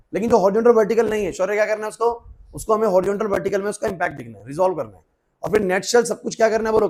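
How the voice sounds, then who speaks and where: A man teaches physics to a class in a quick, high voice. He fires questions at students, calls them by name and keeps urging them to focus. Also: a little mellow. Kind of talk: classroom lecture.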